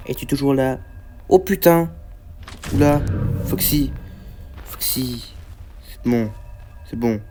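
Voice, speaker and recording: A man's voice: medium pitch, steady tone, takes it slowly, long pauses, warm tone, soft background music. A man commentating a horror game as he plays, rambling, stammering and swearing when startled. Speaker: gaming YouTuber. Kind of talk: let's play commentary.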